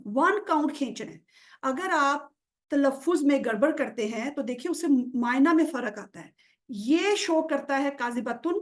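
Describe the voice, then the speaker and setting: A woman teaching Quranic grammar in an online lesson, patiently checking understanding and stretching out example words. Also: sits high. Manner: drawls example words slowly to show pronunciation.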